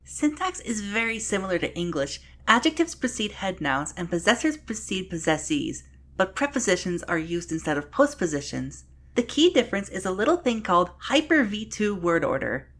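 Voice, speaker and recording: A woman giving scripted narration for a language showcase, with deadpan sarcastic asides and sudden dramatic outbursts. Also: mid-range voice, normal speed.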